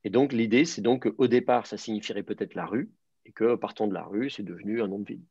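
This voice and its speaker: A man with a low, husky, gravelly voice teaches a class, stopping often to restart his sentences. The sound is dry and dull, like a computer mic on a video call. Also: fast talker, mellow, dry recording. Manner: hesitant, many fillers and restarts, explanatory. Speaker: teacher of biblical Hebrew. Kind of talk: online class lecture.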